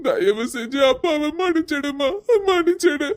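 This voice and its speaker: A woman's voice: high voice, lively intonation, measured pace. A woman voicing a tearful, remorseful young father in a cartoon, who pleads and dotes on his son. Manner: sobbing, pleading, doting. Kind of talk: cartoon voice acting.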